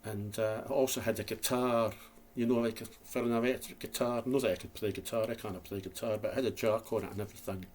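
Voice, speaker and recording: A man's voice: fairly low pitch, steady tone, fast, darkish tone. A Scottish man vlogging in a casual, rambling, self-deprecating chat to camera, with a slight lisp. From Scotland.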